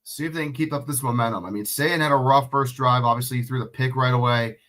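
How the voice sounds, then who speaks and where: Sniffling and clearly sick, this livestream commentator calls a football game solo at a fast clip, his medium-pitched voice fairly even and a bit bright. He swears casually, chats with viewers, and answers questions from the chat as he goes.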